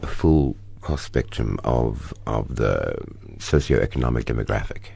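His voice is very deep and husky with vocal fry, moving a little slowly. He's a middle-aged South African actor being interviewed as a guest, spinning expressive stories punctuated by animated bursts.

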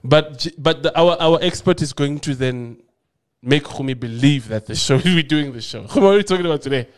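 A man's voice: a little high, fairly quick, smooth. Nasal man, rambling host. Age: 30s. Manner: playful, rambling with restarts. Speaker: podcast host. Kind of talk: casual podcast chat.

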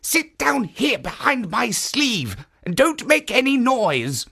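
A storyteller voicing a kindly stone statue deity who warns earnestly and gently. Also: mid-range voice, big pitch swings, slow pace, creaky, husky, voice pushed up, heavily acted.

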